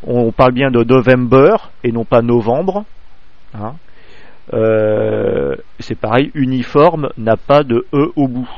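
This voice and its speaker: A man from France giving a spoken amateur radio lesson, halting, full of fillers and restarts, close to a clipping desk microphone. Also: mid-range voice, no echo, dull audio.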